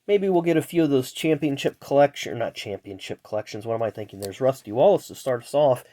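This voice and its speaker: A man with a medium-pitched, mellow voice speaks quickly and expressively, his nose blocked and congested so he sounds nasal. Hosting a racing trading card pack-opening video, he chats casually, rattling off names and tossing in asides.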